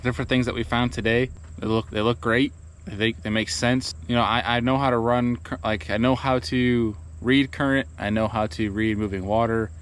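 A man's voice: medium pitch, normal speed. Laid-back young man vlogging outdoors. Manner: relaxed and rambling, with fillers and laughs. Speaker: kayak fishing vlogger. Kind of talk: casual vlog talk to camera. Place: outdoors on a lawn by a truck. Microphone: action camera held at arm's length.

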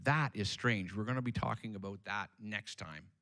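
A man's voice: lowish voice, normal speed, fairly bright tone. A man preaching a sermon as pastor, emphatic and repetitive, calling on the congregation to respond, in a church sanctuary.

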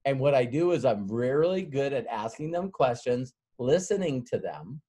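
A man's voice: mid-range voice, expressive, moderate pace, warm tone, slightly rough. A middle-aged man giving a motivational sales workshop as a guest speaker, telling a rambling story with many fillers and frequent chuckles.

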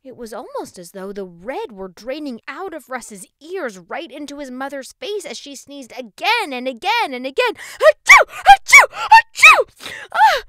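A woman acting out an irate storybook mom who yells and sneezes between her words. The voice is bright and high, with a sharp, forceful edge. It sits very close to the mic with no room sound. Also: big pitch swings, moderate pace, hardly any pauses, no room sound. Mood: sneezing. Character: angry shouting mother, sneezing fits.

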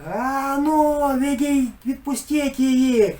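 A man's voice: high voice, fast talker, a little mellow, lightly acted. A man voicing an indignant, defiant young woman in a story reading. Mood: furious.

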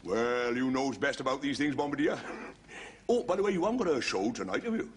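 An actor playing a scheming Welsh army sergeant major in a TV sitcom, who chuckles and calls the men lovely boys. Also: male voice, medium pitch, expressive, a little fast, a little hiss or hum, close to an everyday voice. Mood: mock-friendly. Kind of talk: 1970s TV sitcom acting.

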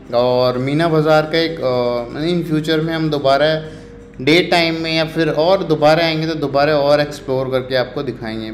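A man's voice: on the high side, slight background noise. A man from India walking through a night market outdoors, talking casually to viewers with lots of fillers and English words mixed in. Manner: chatty, many fillers, mixes Hindi with English words. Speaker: travel vlogger. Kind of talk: casual walking vlog narration. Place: busy city street market at night, outdoors. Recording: echoey street with faint ambience.

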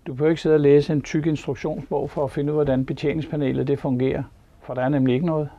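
Older man with a dark gravelly voice. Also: a little high, flat delivery. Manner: plain-spoken, opinionated. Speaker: caravan reviewer. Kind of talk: casual product review. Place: inside a caravan. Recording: slightly dull recording.

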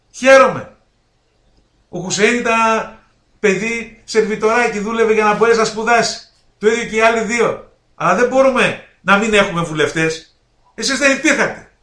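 A man hosting a daily political commentary show, talking straight to viewers in a folksy, indignant way that climbs toward shouting. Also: high voice, echoey room. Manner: indignant, rising to near-shouting at points; folksy, addresses viewers directly.

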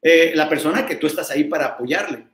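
A man with a Mexican accent giving a lively live sales coaching talk, quick and energetic, acting out short exchanges with customers. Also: fairly high pitch. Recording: roomy echo.

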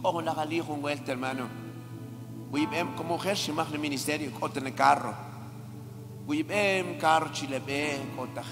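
A woman preacher delivers an impassioned sermon, calling out to the congregation and rising to shouts. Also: low voice. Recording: reverberant hall with music behind.

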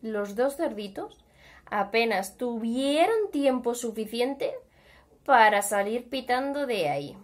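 A Spanish woman from Spain telling a children's fairy tale in a bright, high voice that swings widely in pitch. She talks chattily and directly to the little listeners. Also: slow pace. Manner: animated, chatty, addresses the kids. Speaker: children's storyteller. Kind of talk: storytelling for young children.

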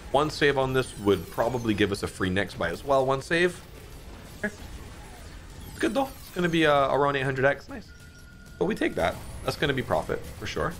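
A man in his thirties giving casual, excitable commentary while playing an online slot game, often swearing and jumping up in pitch at big moments. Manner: excitable, swears a lot, frequent pitch jumps. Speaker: slot streamer. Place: dim home streaming room, indoors.

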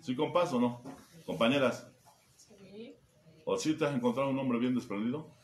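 A man's voice: mid-range voice, moderate pace, a little mellow. A man with a Mexico City accent, a group sponsor giving a crude, mocking, joking testimony and acting out the voices he quotes. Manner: foul-mouthed, mocking, acts out quoted voices. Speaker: sponsor speaking at a recovery group meeting. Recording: echoey room with background noise.

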